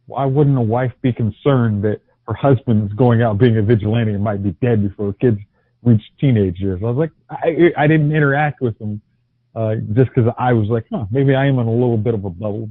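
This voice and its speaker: Over tinny, phone-like audio with no room sound, this man co-hosts a podcast and talks casually about TV shows. His medium-pitched voice moves fairly quickly, yet he keeps tripping up, restarting his sentences and leaning on fillers.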